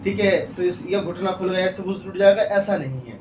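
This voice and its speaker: A man, an Islamic scholar, explaining religious rules step by step in a question-and-answer talk, with worked examples and frequent checks that the listener follows. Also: sits high. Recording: echoey room, mic far off, faint ambient noise.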